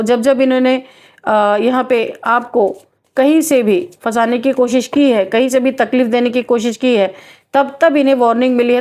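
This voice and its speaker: A woman's voice: on the high side, darkish tone. A woman with a Hindi accent giving an emphatic, earnest tarot reading to viewers, often repeating her key phrases. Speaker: tarot reader.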